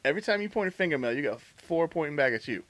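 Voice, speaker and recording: A man's voice: on the high side, expressive, racing, fairly bright tone. A man co-hosting a podcast in casual chat, swearing often and trading jokes with his friends. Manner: profane, joking banter. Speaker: podcast co-host.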